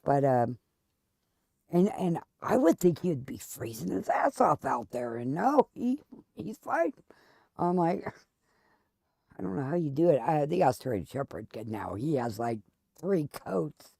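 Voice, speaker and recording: A woman's voice: deep voice, big pitch swings, measured pace, creaky, dark tone, slightly rough, no echo, clean studio sound. A woman hosting a gaming video, chatting casually and candidly in a rambling, storytelling way while she plays. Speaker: gaming channel host. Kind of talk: casual chat while playing a game.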